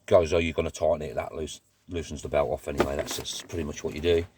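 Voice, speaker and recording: A man's voice: extremely low pitch, steady tone, quick pace, background noise. A man doing a casual car repair vlog, grumbling and swearing as he works. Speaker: car DIY vlogger.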